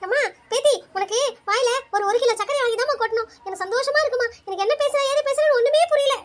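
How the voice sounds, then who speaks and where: Someone voicing a squeaky fussing old granny. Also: fast talker, faint music behind. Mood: overjoyed. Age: over 60. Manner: scolding, flustered, rambling. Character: fussing old great-grandmother, excitable. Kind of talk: cartoon voice acting.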